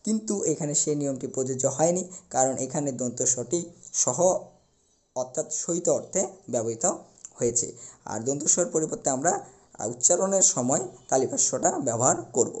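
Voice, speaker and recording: A young man teaching a recorded class, explaining step by step and slowly repeating the key words. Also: mid-range voice, lively intonation, mellow.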